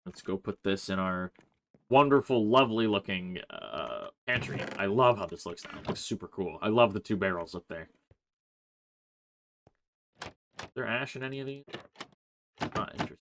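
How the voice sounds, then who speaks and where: Low-ish guy casually rambling over his gameplay, little um's and uh's, faint clicks behind him. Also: normal speed, vocal fry, long pauses, slight background noise. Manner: relaxed, rambling, thinks aloud with frequent "uh" and "like". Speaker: Let's Play host.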